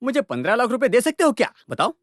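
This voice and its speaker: A man's voice: extremely high pitch, wildly swooping pitch, fast talker, a little hiss or hum, full character voice. A man playing a cheeky police officer in a Hindi film dub, who taunts a politician sarcastically. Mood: mocking.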